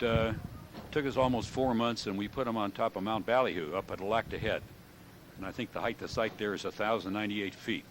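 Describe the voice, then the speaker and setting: An American man in his seventies speaks in a fairly low voice, as an old veteran remembering wartime service. His delivery is halting and matter-of-fact, pausing as he recalls details. A light background noise runs beneath the recording. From United States. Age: 70s. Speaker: World War II veteran giving an interview. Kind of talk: oral history recollection.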